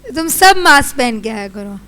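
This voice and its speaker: Indian woman, teacher, high bright voice, quizzing and scolding students, classroom lecture. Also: sing-song, normal speed, smooth.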